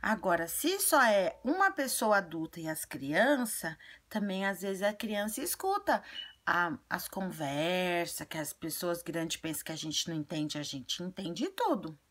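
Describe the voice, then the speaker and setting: Woman as a little girl character, breathy, earnest, chatty, fairly low voice. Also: big pitch swings, unhurried, a bit bright, full character voice. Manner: childlike storytelling, repetitive. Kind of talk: video monologue in character.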